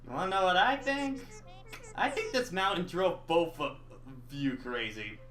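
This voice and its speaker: A man's voice: high voice, lively intonation, measured pace, pushed and bright, echoey room, soft background music, heavily acted. A man voicing a stubborn young woman climbing a mountain, reading her lines in a blunt, exasperated way.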